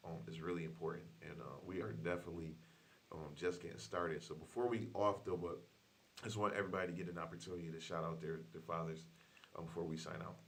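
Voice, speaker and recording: A man's voice: low voice, steady tone, quick pace, vocal fry, a bit bright. A man hosting a casual podcast chat, laid-back, with lots of fillers and laughter. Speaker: podcast host. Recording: faint hiss.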